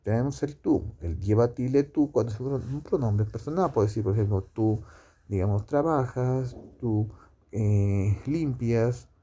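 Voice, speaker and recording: Dark-voiced man explaining grammar. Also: mid-range voice. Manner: explains slowly with many fillers and tag questions. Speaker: teacher. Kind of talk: spoken grammar lesson.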